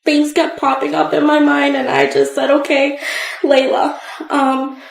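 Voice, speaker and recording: Woman witness, shaky nervous testimony, slow and halting, tearful, echoey courtroom. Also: high-pitched, flat delivery, vocal fry. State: emotional, close to tears.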